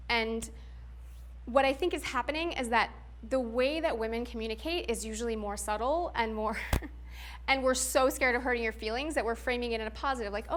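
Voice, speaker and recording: Young woman giving a frank talk, kinda high voice, chatty, says like and um a lot. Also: fairly bright tone. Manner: frank, chatty, many "like" and "um" fillers, laughs often. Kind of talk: candid conversational talk.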